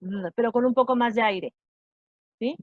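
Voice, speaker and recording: Patient woman teaching pronunciation slowly. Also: a little high, no room sound, phone-quality sound. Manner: patient, slow, checks understanding with repeated "¿sí?". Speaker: English teacher. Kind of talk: online class explaining pronunciation.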